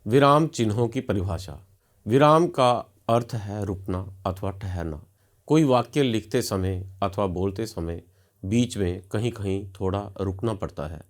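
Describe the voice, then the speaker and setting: A man with a fairly low voice narrates a scripted lesson. He is formal and measured, and he explains each point patiently, as a teacher would. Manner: formal, measured, didactic delivery.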